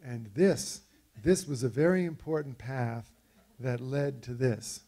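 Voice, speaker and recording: A man giving an illustrated talk about an expedition, telling stories over his slides in a relaxed way with frequent fillers and restarts. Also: medium pitch, unhurried, a little hiss or hum. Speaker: speaker presenting slides of an expedition.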